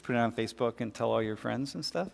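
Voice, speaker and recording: In a large lecture hall with long reverb, a male professor with a medium-pitched voice and vocal fry talks quickly. His classroom lecture is loose and chatty, packed with fillers and restarts, and students ask questions.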